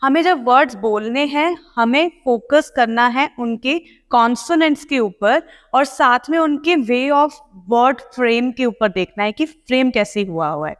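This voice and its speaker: A woman's voice: fairly high pitch, lively intonation, a little slow, hardly any pauses. A woman PTE coaching teacher, explaining pronunciation to students in a spoken lesson. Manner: explanatory, addresses students directly. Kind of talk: spoken lesson in Hindi-English mix. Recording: long hall reverb.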